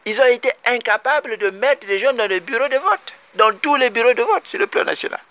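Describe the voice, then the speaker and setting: A man's voice: very high-pitched, animated, a little fast, pushed and bright. A man from Congo-Brazzaville giving an emphatic political commentary monologue, repeating his points and addressing his compatriots directly.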